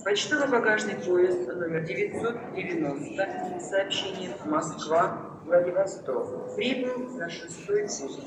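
Public-address train announcer, formal scripted delivery, high pitch, booming with echo through a station loudspeaker, heavy background noise. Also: unhurried. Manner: formal, scripted, repeats each notice. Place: railway station, over public-address speakers. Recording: echoey noisy station loudspeaker, distant. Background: loud station ambience noise.

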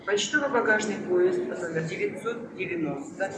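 Public-address train announcer, formal scripted delivery, high pitch, booming with echo through a station loudspeaker, heavy background noise. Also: moderate pace. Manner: formal, scripted, repeats each notice. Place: railway station, over public-address speakers. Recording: echoey noisy station loudspeaker, distant. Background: loud station ambience noise.

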